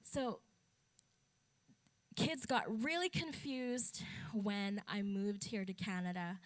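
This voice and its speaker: Speaking slowly with a mid-range voice, a young Filipino advocate addresses a talk event from the stage. Her conference talk is matter-of-fact and candid, with flashes of wry humor.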